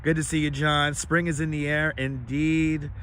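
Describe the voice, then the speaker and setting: Walking through a city park, a livestream host chats casually in a raspy, slightly squeaky voice gone hoarse from overuse, flat in delivery, normal in speed, and a bit bright. He rambles, repeats phrases, and greets viewers in turn, picked up by a wireless clip-on lavalier mic with clear outdoor ambience and traffic noise.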